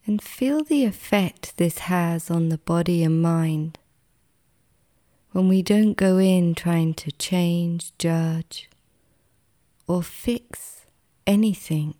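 A woman guiding a relaxation meditation like a sleep story narrator, soothing and gentle, with a soft, sometimes breathy voice and long pauses. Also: fairly low pitch. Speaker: meditation guide.

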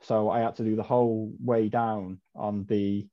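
Man, podcast guest, rambling casual storytelling, low mellow voice, dull lo-fi sound. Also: little pitch movement, moderate pace. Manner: chatty, rambling, with frequent ums and self-corrections. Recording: dull lo-fi audio.

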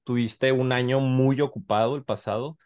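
A Mexican-accented man hosts a podcast as a relaxed conversation between friends. His voice sits at an ordinary middle pitch, and he rambles colloquially, packing in slang and fillers. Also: normal speed. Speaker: podcast host. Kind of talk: casual chat.

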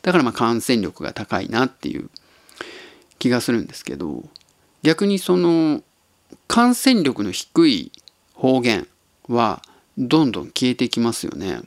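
A man from Tottori hosts a casual solo podcast at a middle pitch. He muses in an easygoing, unhurried way and chuckles often. The voice sounds close and dry, with no room sound. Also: wildly swooping pitch, dry recording. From Tottori, Japan. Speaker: podcast host.

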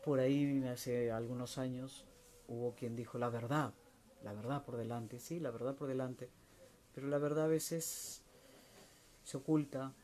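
A man with a mellow, darker voice speaks slowly and thoughtfully, often restarting and letting his sentences trail away quietly. There is a faint hiss of ambient noise behind him. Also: mid-range voice, steady tone. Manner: slow, searching, with many restarts and soft trailing endings. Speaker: speaker answering viewer questions. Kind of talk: reflective spiritual talk.

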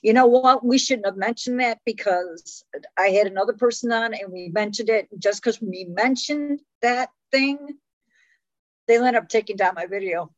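A woman in her late fifties hosts a casual health interview, chatting conversationally and often saying "you know." She has a medium pitch and moderate pace, and the recording is dry with dull audio.

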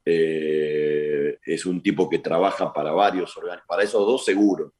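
A very deep-voiced man, a boxer's manager defending his camp. He argues back defensively and keeps repeating his questions. He speaks from a low register throughout. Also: steady tone, normal speed, darkish tone. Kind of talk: heated radio argument.

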